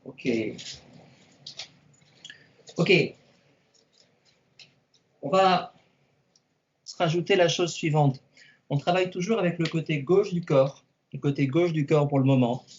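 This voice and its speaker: A karate instructor teaching an online class to camera, giving slow, repetitive cues and counting out the moves. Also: male voice, a little high, steady tone, darkish tone, a little hiss or hum. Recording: roomy, distant, dull sound.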